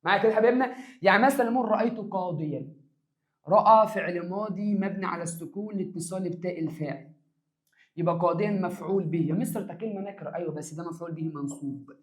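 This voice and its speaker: A man's voice: high-pitched, fast talker. A man teaching an exam review of grammar in an Egyptian accent, stretching words for emphasis and answering his own questions. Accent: Egyptian Arabic. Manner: lively, stretches words for emphasis, calls students "my dears". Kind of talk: exam review lesson for secondary students.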